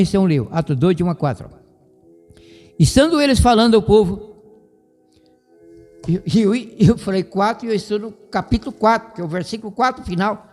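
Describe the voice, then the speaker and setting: This is a man with a Brazilian Portuguese accent giving a radio Bible lesson in a fairly high voice. He drifts into asides and corrects his own slips out loud. The broadcast has a long reverb tail, with soft music underneath. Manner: digressive, corrects himself aloud, spells out words. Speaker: radio preacher.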